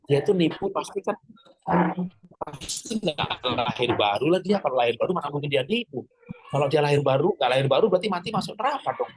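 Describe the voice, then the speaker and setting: A man's voice: fairly high pitch, very animated, fast talker, husky, rough recording. A middle-aged man preaching in a conversational, joking way, acting out quoted lines and prayers. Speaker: pastor. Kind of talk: sermon teaching.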